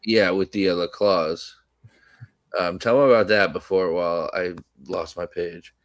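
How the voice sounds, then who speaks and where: A man co-hosting a sports podcast, rambling in casual chat with lots of restarts and fillers, slightly hoarse from coughing. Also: low-pitched, fairly even intonation, a little slow, no echo, clean studio sound. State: coughing today. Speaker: podcast co-host.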